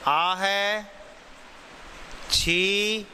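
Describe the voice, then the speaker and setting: A man teaching grammar, explaining slowly, repeating key phrases and answering his own questions. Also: high-pitched, pushed and bright, a little hiss or hum. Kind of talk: classroom-style grammar lesson. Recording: long hall reverb.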